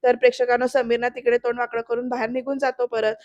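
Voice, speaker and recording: A woman recapping a TV serial episode in a chatty style, keeping up a steady line of direct address to her viewers. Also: a little high, fast, dry recording. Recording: dull, lo-fi, dry sound.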